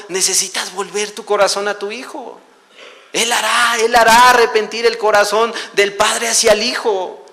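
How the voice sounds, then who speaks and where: A man with a Mexican Spanish accent preaching a sermon, earnest and confessional, moving between raised and hushed delivery. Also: high voice, long reverb tail. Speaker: pastor. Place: church hall.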